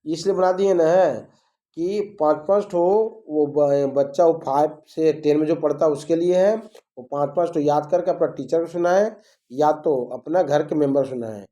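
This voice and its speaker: Middle-aged male tutor, patient repetitive drilling, soft dark tone. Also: on the high side, lo-fi sound. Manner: drills and spells words slowly, repeating each form. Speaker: teacher. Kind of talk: lesson on English verb forms.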